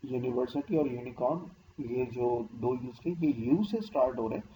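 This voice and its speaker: A man's voice: medium pitch, expressive, moderate pace, dark tone, slight background noise, low-quality recording. A man teaching a grammar lesson, explaining patiently and stopping often to check that the listener follows. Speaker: English teacher.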